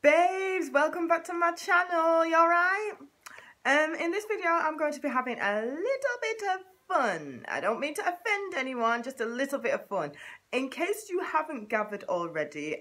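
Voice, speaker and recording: A Mancunian woman in her thirties from Manchester, England, vlogs straight to camera in a chatty, comedic style. Her high, slightly bright voice swings widely in pitch at a normal speed, and she drops into playful, exaggerated impressions of other people.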